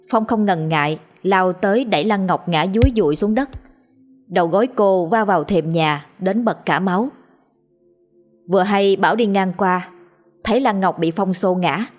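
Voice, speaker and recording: Woman reading a story aloud, kinda low voice, quiet music behind. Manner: measured, expressive reading. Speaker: narrator. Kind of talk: storytelling narration. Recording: soft background music.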